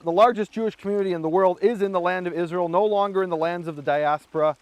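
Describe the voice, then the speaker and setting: With a fast pace and a fairly high voice, a male Bible teacher narrates scripture and history as stories, lifting his voice to dramatize his characters' shouts. The audio is close and dry, free of room echo.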